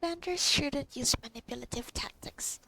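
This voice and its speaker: A woman's voice: sits high, moderate pace, vocal fry, bright, forceful tone, whispered. A woman giving casual playthrough commentary as a game streamer, with dry, muttered, teasing asides.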